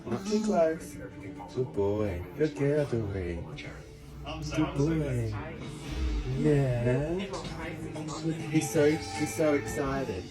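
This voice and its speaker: A man narrating a casual home video as he introduces his dogs to each other, talking gently and reassuringly and often slipping into high baby talk with the animals. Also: lively intonation, very slow, long pauses, loud music behind the voice, poor audio. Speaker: dog owner filming a vlog.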